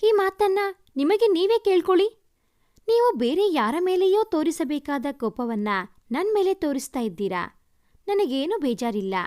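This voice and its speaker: A woman's voice: very high voice, big pitch swings, normal speed, mellow, dry recording, studio quality. Woman voicing a teasing mysterious young man. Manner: teasing, coaxing.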